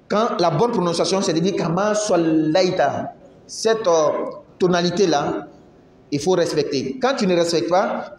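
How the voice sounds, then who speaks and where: A man giving a religious lesson to a class, explaining slowly, asking them questions and reciting Arabic phrases. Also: a little mellow. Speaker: religious teacher. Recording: echoey room, faint rumble.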